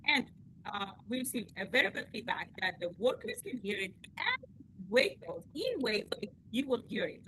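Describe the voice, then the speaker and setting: A woman's voice: mid-range voice, sing-song, normal speed, noisy background. A woman giving a technical presentation over a video call, hesitant with many fillers, her audio choppy and cutting out. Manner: hesitant, many fillers, non-standard grammar. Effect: choppy audio that keeps cutting out over a bad connection. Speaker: researcher presenting a project. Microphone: computer mic on a video call.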